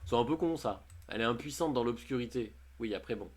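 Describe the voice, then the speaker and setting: A man's voice: medium pitch, fast talker. A man chatting casually on a livestream, reading posts aloud and commenting on them with jokes and frequent laughs. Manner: chatty, jokey, often laughing. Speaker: streamer.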